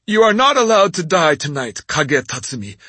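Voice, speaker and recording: A man's voice: on the high side, sing-song, moderate pace, bright, forceful tone, no room sound, pitched above the performer's own voice, full character voice. A man playing a formal, honor-bound noble. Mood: earnest. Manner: formal, courtly. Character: proud, formal young male noble swordsman.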